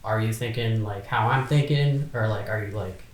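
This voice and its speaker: A man's voice: fairly low pitch, moderate pace, roomy sound. A man in his twenties, a podcast guest talking casually and hesitantly, full of fillers and restarts. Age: 20s. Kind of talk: casual chat.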